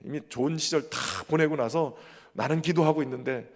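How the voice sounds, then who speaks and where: A man's voice: on the high side, brisk, a little mellow, big-room sound. A man preaching a sermon as pastor, earnest and emphatic, who keeps addressing the congregation directly.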